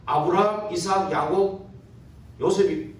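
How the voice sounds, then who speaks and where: Recorded from afar in a very echoey church sanctuary with a slight hiss or hum, a male pastor speaks at a measured pace in a high voice. During the service he poses rhetorical questions and checks the congregation's agreement through tag questions.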